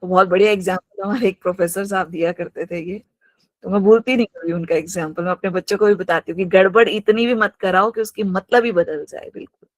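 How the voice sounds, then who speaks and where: A woman's voice: mid-range voice, fairly even intonation, a little fast, no echo. Woman teacher lecturing with examples, dry sound. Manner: explains terms through worked examples, repeats "absolutely" often; mixes English terms into her talk. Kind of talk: online class lecture.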